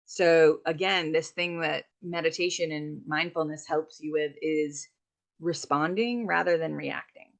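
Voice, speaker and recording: A woman's voice: sits low, fairly even intonation, unhurried, vocal fry. A middle-aged woman, a meditation teacher, speaking reflectively in a conversational interview with loose, rambling restarts.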